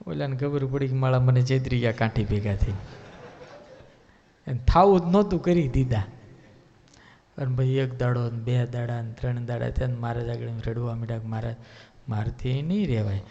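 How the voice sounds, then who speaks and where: A man's voice: medium pitch, moderate pace, pauses often. A man telling devotional stories in a sermon, acting out each character's lines in changing voices. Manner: animated, acts out characters' lines in shifting voices. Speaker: religious storyteller. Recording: dull lo-fi sound with long hall reverb.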